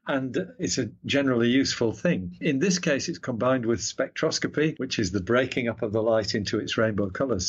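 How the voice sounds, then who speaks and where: A man talks through astronomy in relaxed conversation, with everyday analogies and little self-mocking asides. His voice has a husky edge. The audio sounds dull and slightly lo-fi. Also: mid-range voice. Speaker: astronomy commentator. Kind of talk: casual explanatory chat.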